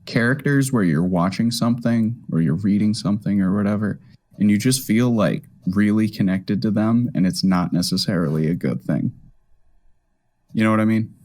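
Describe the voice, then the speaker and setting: A young man co-hosting a podcast in casual chat, hesitant and quick to laugh, often restarting his sentences. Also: fairly low pitch, a little mellow. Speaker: podcast co-host.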